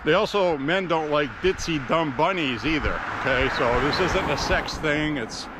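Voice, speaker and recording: Here the walking vlogger, once a radio host, speaks on the high side as he moves along a calm country road. His delivery stays slow and radio-trained, captured via Bluetooth earpiece. The background is noisy, with faint crickets and insects.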